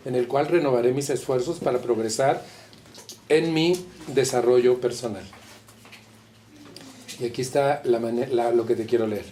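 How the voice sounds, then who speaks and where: A man's voice: mid-range voice, mellow, slight background noise. Candid Mexican man at a support meeting. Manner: candid, colloquial, addresses listeners directly. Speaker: Al-Anon group speaker. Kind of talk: personal talk to a support group.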